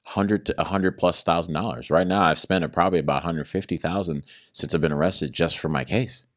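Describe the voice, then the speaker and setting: Deep-voiced man telling his story animatedly. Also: a little fast. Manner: animated, acts out quoted exchanges, laughs between points. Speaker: guest recounting his arrest. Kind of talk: conversational interview storytelling.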